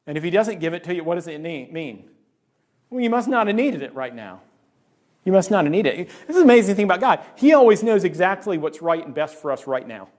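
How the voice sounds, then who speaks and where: A middle-aged pastor, his voice a bit higher than most men's, preaches a sermon in church as though conversing with the congregation, repeatedly asking "right?" He occasionally voices someone's anxious inner thoughts with sudden leaps up in pitch. He's very animated, talks fast, and sounds slightly mellow.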